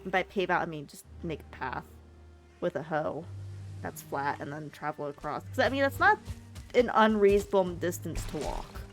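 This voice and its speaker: A woman's voice: fairly low pitch, normal speed, faint music behind. A woman live streamer giving casual gaming commentary, chatting and thinking aloud with some mild swearing.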